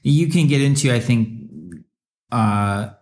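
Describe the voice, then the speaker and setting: A man's voice: medium pitch, slow pace, a little mellow, soft background music. A young adult man co-hosting a podcast, reflective and rambling, with many restarts and fillers. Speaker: podcast co-host. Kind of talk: reflective casual chat.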